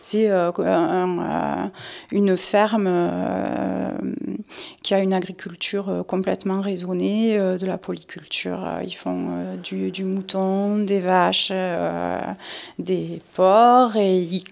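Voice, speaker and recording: A woman with a lowish, slightly dark voice and some vocal fry speaks slowly, presenting an event off the cuff. As a cultural festival organiser being interviewed, she sounds hesitant and often repeats words while searching for what comes next.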